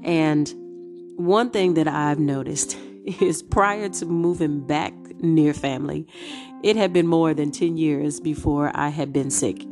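A woman's voice: low-pitched, slow pace. A middle-aged woman hosting her own podcast, sounding congested from a cold and talking unhurriedly with frequent ums. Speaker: podcast host. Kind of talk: casual solo podcast talk. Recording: guitar music playing behind the voice.

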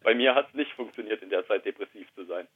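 A man in his thirties, a podcast guest, speaking quietly and reflectively, with hesitant pauses, about his own life. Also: fairly low pitch, slightly rough. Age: 30s. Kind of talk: candid personal conversation. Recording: tinny phone-line sound.

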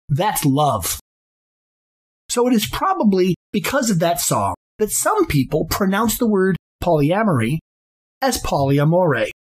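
Husky-voiced man with a lively pitch. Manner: formal, deliberate and precise, spells words out letter by letter. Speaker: podcast host. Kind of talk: scripted podcast monologue.

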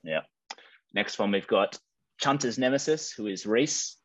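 Australian male host, lower register, easy casual chat, slightly lo-fi sound. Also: expressive, measured pace. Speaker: podcast host. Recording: slightly dull lo-fi mic.

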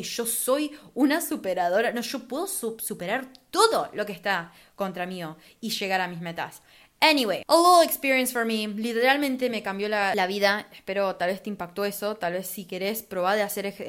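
A woman's voice: medium pitch, a bit bright. A young woman hosting a podcast, talking in a chatty, casual way and sprinkling English words into her speech. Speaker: podcast host.

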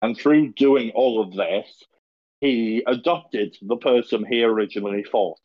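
A man's voice: mid-range voice, a little slow, highs cut off. A man on a casual podcast, recounting a tabletop game in a rambling way with many fillers. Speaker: podcast host. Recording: echoey room.

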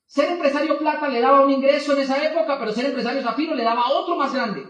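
A man's voice: very high-pitched, quick pace, roomy sound, distant mic. A man telling a personal story to an audience as a motivational speaker, acting out both sides of the conversations. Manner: animated, acts out both sides of dialogues.

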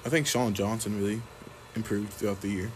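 A man's voice: on the low side, steady tone, a little fast, a little hiss or hum. A young man interviewing a teammate, laid-back, with short agreeing remarks and loose questions. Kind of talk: casual interview.

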